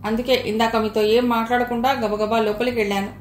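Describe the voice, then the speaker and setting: A woman reading a gentle young husband, soft. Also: fairly high pitch, little pitch movement, fairly quick, lightly acted. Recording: roomy recording, faint hiss.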